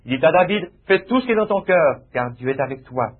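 A man's voice: on the high side, expressive, a little fast, slightly rough. A man preaching a sermon with emphatic, repetitive phrasing that rises into exclamations. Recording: tinny lo-fi phone-like sound.

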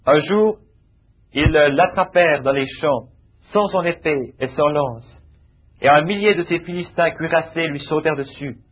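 A man's voice: on the high side, a little slow, husky. A man preaching a sermon with emphatic, repetitive phrasing that rises into exclamations. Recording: tinny lo-fi phone-like sound.

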